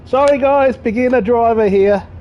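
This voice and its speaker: This man's voice is very high, and he talks at a normal pace while casually commentating on a train driving game. As a gaming streamer he rambles, jokes at his own expense and swears a little, over dull lo-fi audio with faint game sounds.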